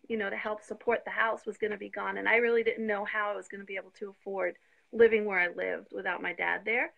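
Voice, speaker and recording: A woman's voice: medium pitch, creaky. A woman in her fifties, a guest on a live video interview, telling her story eagerly and sounding slightly out of breath on a phone call. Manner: eager, talks fast when excited.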